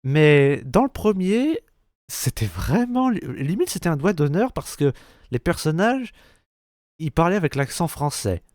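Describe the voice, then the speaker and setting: A man's voice: on the high side, big pitch swings, unhurried, darkish tone, dry recording, clean studio sound. A man from France ranting crudely and sarcastically in a reaction video, full of profanity. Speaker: youtuber reacting to a trailer. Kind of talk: angry reaction rant.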